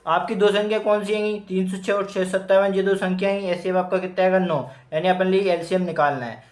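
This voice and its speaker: A man's voice: high voice, fairly even intonation, fast talker. A man working through math problems step by step in an informal lesson, thinking aloud as he calculates. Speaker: math teacher. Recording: echoey room.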